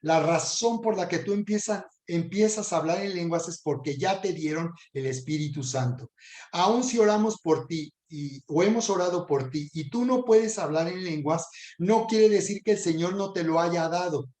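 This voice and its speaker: A man's voice: sits high, moderate pace, darkish tone. A man, a pastor teaching a video Bible lesson and leading a prayer, earnest and often repeating words. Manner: earnest, repeats words while searching for them. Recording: echoey room.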